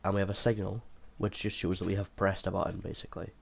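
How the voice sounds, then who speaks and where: A man's voice: low-pitched, flat delivery, fast talker. A man who sounds unwell, giving an informal, hesitant gameplay tutorial as he thinks aloud. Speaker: video creator explaining a game build. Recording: clear background noise, mouse and keyboard clicks.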